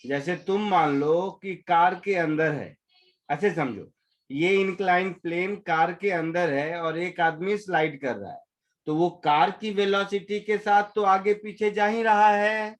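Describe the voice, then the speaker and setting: A man's voice: sits high, measured pace. A male physics teacher explaining a problem step by step in a live class, often stopping to check that the students follow. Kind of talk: live physics class in Hindi mixed with English.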